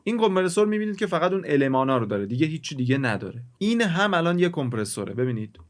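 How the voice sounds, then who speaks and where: A man's voice: a little high, big pitch swings. A man teaching music mixing in a casual, chatty way, talking straight to the viewer and explaining with everyday examples. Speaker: music production instructor. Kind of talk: casual screen-recorded tutorial.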